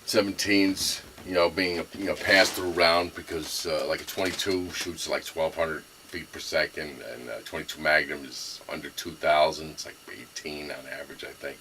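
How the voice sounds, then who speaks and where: In a noisy setting, a middle-aged gun owner from New York, Brooklyn accent and all, rambles through a show-and-tell of his rifle. He speaks in a rumbling low, steady voice at a moderate pace, barely pausing, though his talk is thick with fillers and restarts.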